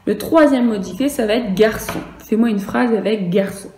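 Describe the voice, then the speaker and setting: Lady teacher doing dictation for little kids, spells out each letter, soft warm tone, roomy echo. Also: on the high side, a little hiss or hum. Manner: slow, clear, spelling out letters and sounds. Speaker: first-grade teacher. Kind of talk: virtual class dictation lesson.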